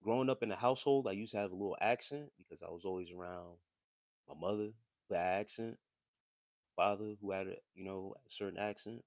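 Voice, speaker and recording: Guy on a live stream just chatting, low voice, slangy, dry close sound. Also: fairly quick, vocal fry, dry recording. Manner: relaxed, loose, slangy and conversational. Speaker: livestream host. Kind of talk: casual livestream talk answering chat.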